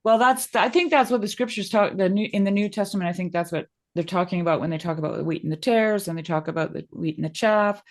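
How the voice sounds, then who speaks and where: A woman's voice: medium pitch, quick pace, hardly any pauses. A woman in a casual philosophical discussion, eagerly linking ideas together. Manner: animated, eager to connect ideas.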